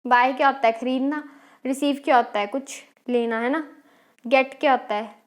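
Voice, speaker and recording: A woman's voice: sits high, fairly even intonation, moderate pace. A woman teacher with an Indian English accent, explaining English exam questions step by step and quizzing her students. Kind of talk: exam-prep English lesson.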